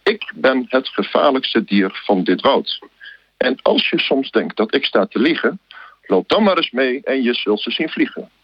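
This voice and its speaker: A man's voice: medium pitch, big pitch swings, measured pace, husky, no echo, dull audio. A man voicing a small, clever, boastful mouse while reading a picture book aloud.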